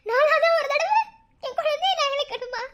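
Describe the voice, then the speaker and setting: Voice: extremely high pitch, moderate pace, fairly bright tone, muffled recording. A performer voicing a grieving young mother in a cartoon, pleading and repeating her words. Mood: desperate. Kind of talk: animated cartoon voice acting.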